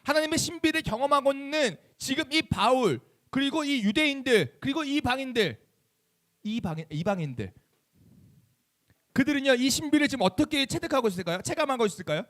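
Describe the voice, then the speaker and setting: Fast, lively man preaching to teens. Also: extremely high pitch. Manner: animated, asks the audience many questions and acts out quoted voices. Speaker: youth pastor. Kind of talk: lively youth sermon. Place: church chapel.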